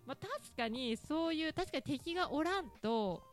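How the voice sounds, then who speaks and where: Chatty Ehime-accented woman host, bright lively lilt, quick to laugh, faint music bed. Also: high voice. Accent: Ehime Japanese. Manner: laughs often, chatty and teasing. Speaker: podcast host talking with her daughter. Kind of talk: casual talk radio chat.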